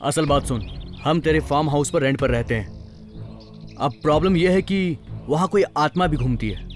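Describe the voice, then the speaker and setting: Brief: male dubbing actor as a determined young investigator, slightly high, matter-of-fact. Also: normal speed, close to an everyday voice. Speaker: lead, tenant. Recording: film dub with music underneath.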